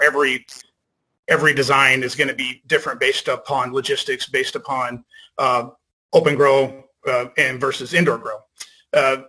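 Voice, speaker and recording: A man giving formal testimony as an engineer over a video call, deferential and halting in his phrasing. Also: a little high, pushed and bright, rough recording. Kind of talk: formal public meeting testimony.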